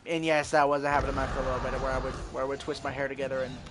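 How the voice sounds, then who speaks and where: A man's voice: medium pitch, little pitch movement, very fast. A man giving casual gameplay commentary, rambling with restarts and swearing when things go wrong. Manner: profane, easily frustrated, rambling with restarts. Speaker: gamer commentating his play. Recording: loud game noise underneath. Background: video game sounds.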